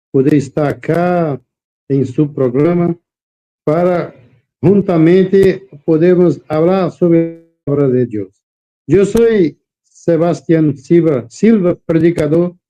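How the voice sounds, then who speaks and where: A male guest preacher whose native Portuguese colors his speech with a Brazilian accent. His voice is very mellow and a little high for a man. He talks slowly, picking his way through Spanish as a careful learner in a religious interview. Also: low-quality recording.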